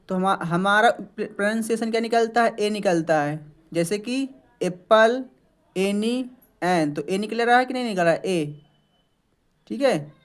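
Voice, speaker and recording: A male teacher walks through vocabulary in a classroom-style lesson. He asks his own questions and answers them, then checks in with a quick "okay." He says each word slowly and more than once so learners can copy it. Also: sits high. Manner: repeats words slowly to model their pronunciation. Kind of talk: classroom-style lesson explaining English words in Hindi.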